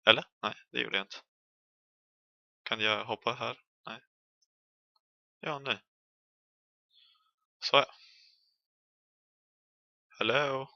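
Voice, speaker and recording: Young swedish guy gravelly bright voice, joking through a horror game, bit dull dry mic. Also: medium pitch, long pauses, no echo. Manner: chatty, jokey, yelps and shouts when chased. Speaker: gaming streamer. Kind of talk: horror game let's play commentary.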